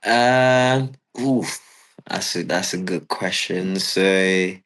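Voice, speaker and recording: A young man from Cameroon, a footballer answering interview questions in a relaxed, hesitant way with lots of fillers. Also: low voice, extremely slow, rough recording. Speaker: footballer guest.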